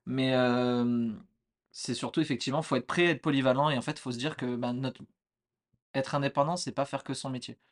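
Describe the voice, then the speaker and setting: A young man co-hosting a podcast, chatting at an easy pace and feeling his way through each thought. He leans on fillers and restarts, and his voice sits at an ordinary middle pitch. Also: brisk. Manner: relaxed, hesitant, many fillers. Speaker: podcast co-host. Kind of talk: casual chat.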